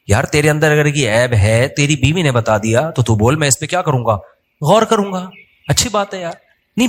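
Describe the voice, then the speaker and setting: A man's voice: fairly high pitch, fairly bright tone. A man with a Pakistani Urdu accent giving a sermon, conversational and humorous, acting out quotes as he tells stories. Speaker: Islamic preacher.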